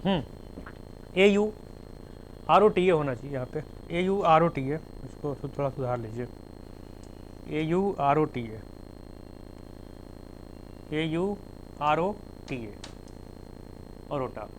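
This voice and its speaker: A man's voice: fairly high pitch, animated, slow pace, pauses often, slight background noise, low-quality recording. Man teaching, spelling terms letter by letter. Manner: spells terms letter by letter, explains with everyday examples. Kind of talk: classroom lecture.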